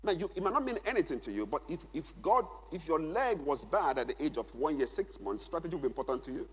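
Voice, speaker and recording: A man's voice: fairly high pitch, very animated, quick pace, slightly rough. Emphatic man preaching in a reverberant hall. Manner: emphatic, repeats key phrases for note-taking. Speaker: conference speaker. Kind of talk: church conference teaching. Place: large church hall.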